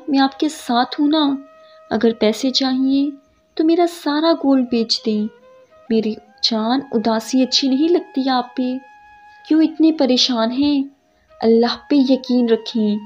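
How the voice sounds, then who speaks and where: A woman voicing a gentle, devoted young wife who soothes her husband with soft, affectionate words. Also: on the high side, lightly acted. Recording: muffled audio with soft background music.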